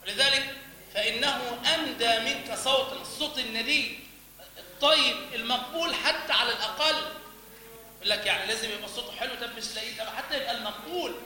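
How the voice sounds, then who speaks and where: High-voiced Egyptian man teaching, echoey hall. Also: fast talker, pushed and bright. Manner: demonstrates chanting, quizzes students. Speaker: religious teacher. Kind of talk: lecture on recitation.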